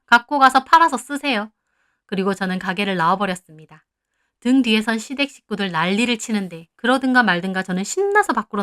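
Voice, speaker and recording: A woman's voice: medium pitch, fairly bright tone. A woman in her thirties narrating a dramatic first-person family story in a confiding, indignant tone.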